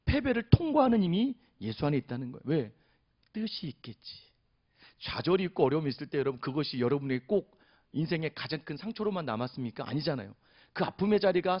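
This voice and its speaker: Lively, fast-talking male pastor preaching. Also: a little high, dull audio. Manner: animated storytelling, often addressing the congregation directly. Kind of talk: sermon. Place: chapel service.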